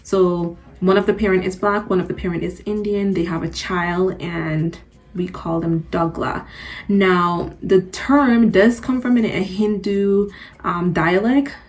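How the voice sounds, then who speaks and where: A young woman from Antigua, born in Guyana, chatting casually to her channel in a relaxed, rambling way. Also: fairly low pitch, measured pace. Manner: chatty, relaxed, loose with fillers. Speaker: channel host. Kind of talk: casual personal vlog.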